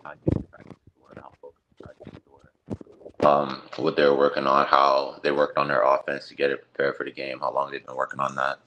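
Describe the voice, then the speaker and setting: A young man in his late teens answering interview questions remotely, soft-spoken with many fillers, his audio cutting out and his volume jumping up and down. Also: very deep voice, monotone, fairly quick, a little hiss or hum, rough recording. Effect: audio cutting out with uneven volume. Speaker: basketball recruit being interviewed. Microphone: hand over the phone speaker, fading off mic.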